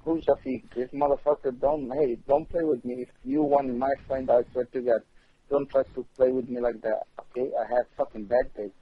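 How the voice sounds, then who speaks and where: Phone prank target: a man, husky voice, clipped broken English, heavy swearing, muffled phone sound. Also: medium pitch, steady tone, normal speed. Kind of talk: phone call. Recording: dull phone line.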